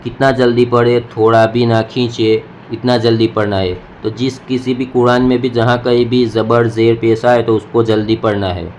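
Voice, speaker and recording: A man teaching Quran reading, patiently saying syllables one by one in a slow spoken lesson. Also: mid-range voice, little pitch movement, a little mellow, a little hiss or hum, poor audio. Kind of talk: slow spoken lesson, drilling letter sounds.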